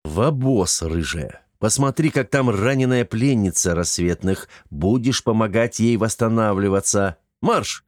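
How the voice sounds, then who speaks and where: A man reading an irritable young lord who barks orders at his slow-witted subordinates. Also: lowish voice, animated, a little mellow, no room sound, lightly acted. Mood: scolding. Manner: brusque, exasperated, commanding.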